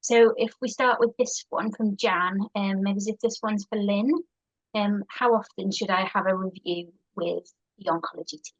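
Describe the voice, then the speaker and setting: A woman's voice: medium pitch, steady tone, normal speed, no echo, highs cut off. A woman moderating an online session, reading out audience questions politely and briefly, with hesitant fillers.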